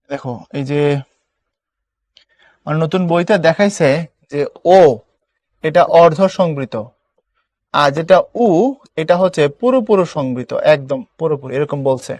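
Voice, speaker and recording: A man's voice: fairly high pitch, measured pace, long pauses, a little mellow, no echo. Drilling young male teacher, dry close mic. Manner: explains step by step, repeats words for drill. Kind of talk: online class lecture.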